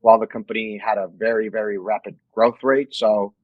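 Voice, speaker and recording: Measured man from Mexico, dry sound. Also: lowish voice, little pitch movement, no echo, narrow, tinny audio. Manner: measured, restarts phrases while thinking. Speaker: guest, company executive. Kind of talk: casual interview.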